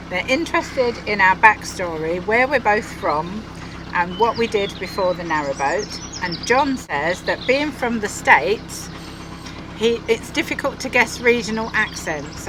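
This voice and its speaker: A middle-aged woman from Essex with an Essex accent, chatting and laughing easily as she reads out viewer questions. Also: medium pitch. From Essex, England. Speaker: vlog co-host. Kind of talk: casual chat. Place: outdoors on a moving narrowboat. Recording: outdoor noise from boat and traffic.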